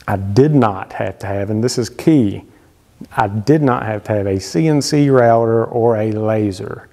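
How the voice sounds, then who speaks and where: Speaking in a lowish, mellow voice with vocal fry, a man in his thirties hosts a woodworking channel, offering conversational instruction straight to camera. He gestures plenty and fills his speech with fillers, indoors in a wood-paneled home workshop that adds long reverb.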